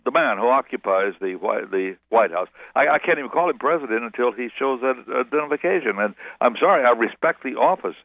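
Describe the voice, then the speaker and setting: A man's voice: mid-range voice, lively intonation, fairly quick, creaky, hardly any pauses, no echo. A man, a pastor as guest, talking in a rambling, self-correcting way in a radio interview by phone. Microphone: telephone. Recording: tinny, dry phone line.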